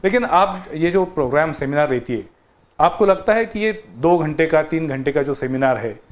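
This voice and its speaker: A man's voice: a little high, expressive, normal speed. A man hosting a studio TV interview, asking long, conversational questions. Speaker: TV interview host.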